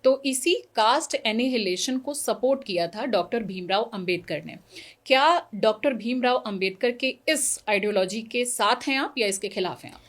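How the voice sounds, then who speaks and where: A woman's voice: fairly high pitch, lively intonation, moderate pace. A woman interviewing a guest, pressing her with pointed, challenging questions.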